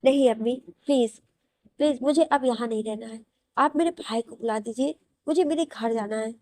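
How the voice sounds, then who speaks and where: A woman puts on a young wife in tears, begging with a desperate, pleading edge. The voice sits fairly high and the sound is close and dry, as in a read-aloud audio story. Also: normal speed, darkish tone, no echo, close to an everyday voice. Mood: pleading, tearful. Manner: pleading and crying.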